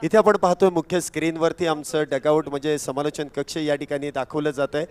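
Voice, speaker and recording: A man giving live commentary on a local tennis-ball cricket match, with a Marathi accent, rising in excitement on each wicket and run. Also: a little high, fairly quick, clean tone. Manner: excitable rises on wickets and runs.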